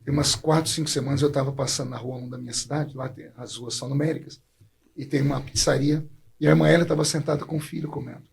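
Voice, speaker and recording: Gravelly husky preacher telling his story. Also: medium pitch, steady tone, fast talker. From Brazil. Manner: heartfelt storytelling, voice catching with emotion. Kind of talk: emotional personal testimony.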